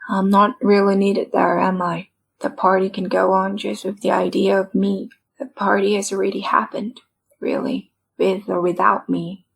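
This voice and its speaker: A woman voicing a frail, dying male writer who speaks in a soft, half-whispered, weary and rambling way. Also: mid-range voice, little pitch movement, normal speed, gravelly, husky. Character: frail dying middle-aged male writer, self-deprecating.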